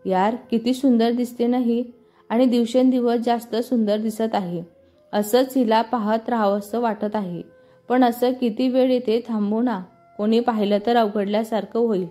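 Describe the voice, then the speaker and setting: A quiet young male boss, voiced by a woman storyteller speaks in a mild, even way, somewhat high for a man. Soft music sits faintly underneath. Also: normal speed, natural voice. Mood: smitten. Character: young man, office boss, smitten and calm.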